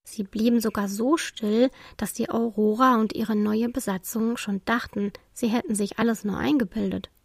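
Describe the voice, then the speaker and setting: A woman narrating a children's storybook in a calm, expressive way. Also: on the high side, normal speed, gravelly, hardly any pauses, no echo, studio quality.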